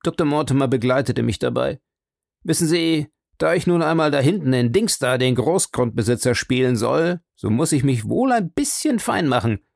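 An outspoken young baronet, plain-spoken and a little impatient, as a male audiobook reader voices him. He talks in a casual, colloquial way with a gravelly edge. The recording is dry and close. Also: medium pitch, expressive, moderate pace, darkish tone, no room sound. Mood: complaining.

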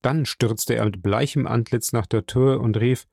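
A man narrating a classic novel as an audiobook, reading in a steady, measured storytelling voice. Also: medium pitch, creaky, dry recording, studio quality.

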